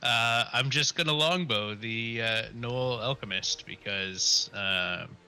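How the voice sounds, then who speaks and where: A man's voice: mid-range voice, takes it slowly, sharp tone, soft background music. A man playing a tabletop game, casually explaining rules to the others. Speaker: player.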